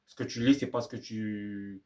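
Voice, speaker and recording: A man's voice: on the low side, fairly even intonation, moderate pace, a little mellow. A young man talking casually to camera about learning English, rambling and repeating himself in slangy French. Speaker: YouTuber giving language-learning tips. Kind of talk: casual vlog monologue.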